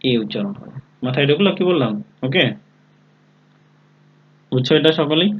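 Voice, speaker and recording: A man's voice: on the high side, expressive, moderate pace, breathy edge, highs cut off. A man teaching an online English class, spelling words letter by letter and often asking his students whether they follow. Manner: calls on students by name. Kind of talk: live online class lesson.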